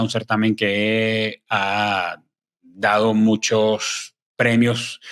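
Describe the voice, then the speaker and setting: A man hosting a podcast, posing long, carefully framed interview questions. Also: mid-range voice. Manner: long, framing questions with listed details.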